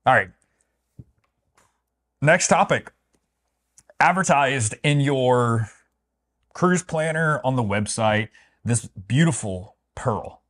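A travel vlog co-host speaks slowly with long pauses, his medium-pitched voice expressive and a touch bright. His casual, opinionated review chat is playful and wry, marked by mock-grand emphasis.

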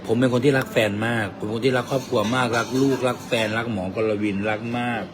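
A man's voice: medium pitch, steady tone, quick pace, over music. A man with an Isan Thai accent hosts a vlog, trading boisterous, teasing banter in a cafe. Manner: teasing, boisterous, mixes in dialect. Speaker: vlog host. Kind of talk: casual joking banter. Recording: noisy cafe ambience.

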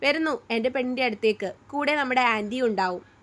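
A woman's voice: high-pitched, fast, a bit bright. A woman voicing a playful, affectionate young man who teases and reassures in a read-aloud story. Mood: tender. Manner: playful and tender.

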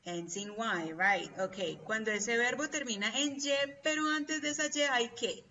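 A woman teacher speaks slowly and deliberately, her bright voice quizzing students with steady patience. She sounds a little distant from the mic, the call audio dull and lo-fi with a faint hum behind her. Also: fairly high pitch. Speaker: English teacher. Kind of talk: online class teaching.

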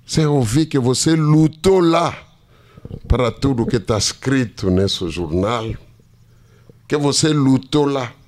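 A man preaching, telling a story dramatically with hushed asides. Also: mid-range voice. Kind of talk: storytelling sermon.

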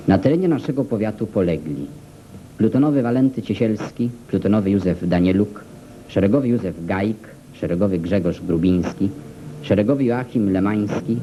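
A man giving grave, measured narration for an old newsreel, slowing on solemn words, heard through an old film soundtrack. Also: fairly low pitch, warm tone. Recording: dull lo-fi film soundtrack with faint hiss.

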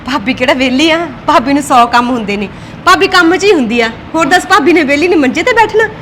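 A woman's voice: high-pitched, animated, fast, fairly bright tone, a little hiss or hum. An actress playing a scheming young wife and daughter-in-law in a family drama, who argues back and plots under her breath. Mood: lecturing. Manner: argumentative, self-talk plotting. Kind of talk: Punjabi web-series acting.

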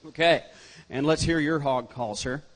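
A man's voice: on the high side, normal speed. A middle-aged man hosting a live outdoor stage event, interviewing children with a handheld microphone. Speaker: event host.

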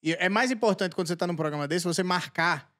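A man's voice: sits high, very fast. A Brazilian man hosting a podcast, asking questions and chatting casually with slang. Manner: relaxed, asks questions, uses slang. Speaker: podcast host. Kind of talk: casual chat.

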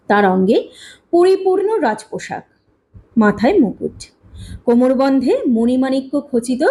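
A woman narrating a story aloud with an expressive, dramatic reading. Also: high-pitched. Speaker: audiobook narrator.

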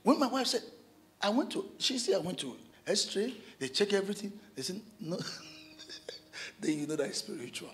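A man, a pastor preaching a sermon in church, animated, breaking into shouts and chuckles. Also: high voice, normal speed.

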